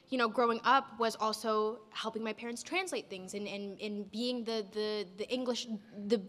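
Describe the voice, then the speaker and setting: A woman's voice: medium pitch, pushed and bright. Woman, participant, searches for words, echoey long reverb. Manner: searching for words, many restarts. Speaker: book club participant. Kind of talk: casual personal sharing.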